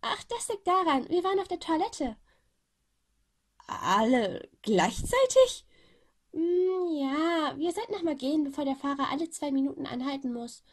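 A woman voicing an overexcited Polish teenage boy who rambles on and on, with a slightly husky voice. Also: sits high, animated, normal speed, voice pushed up. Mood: chatty.

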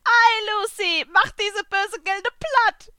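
A woman doing a squeaky little blue cat. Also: slow pace, bright, forceful tone, no room sound, clean studio sound, heavily acted. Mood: excited. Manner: squeaky and shrill. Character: small excitable blue male talking cat. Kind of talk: audiobook fan fiction reading.

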